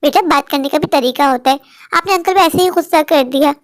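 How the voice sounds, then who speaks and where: Gentle cartoon mother, as a woman puts her on. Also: high voice, brisk, dry recording, studio quality, close to an everyday voice. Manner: soft calm explaining.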